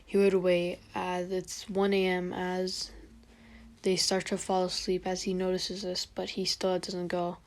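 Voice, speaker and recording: A young woman improvising a fan story aloud. Her telling is rambling and halting, with many fillers. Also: fairly low pitch, completely flat delivery.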